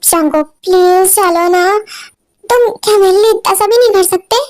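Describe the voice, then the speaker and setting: A woman's voice: very high-pitched, normal speed, darkish tone, no echo. A woman voicing a pushy young childhood friend who talks in a pleading, wheedling way.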